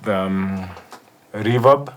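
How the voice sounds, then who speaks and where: A Kenyan-accented man with a lowish voice talks very slowly over a faint hiss or hum. He's a music producer giving a casual studio walkthrough, moving between English and Swahili.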